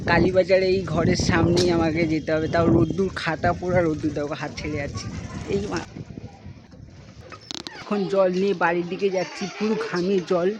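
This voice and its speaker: A chatty vlogger speaks at a middling pitch and grumbles about the heat while walking outside. The voice is a little hushed beside the road. It is caught on a phone camera with loud outdoor noise all around. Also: fairly even intonation, fairly quick. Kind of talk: casual vlog talk to the camera. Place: outdoors around home and street. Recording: noisy outdoor phone audio.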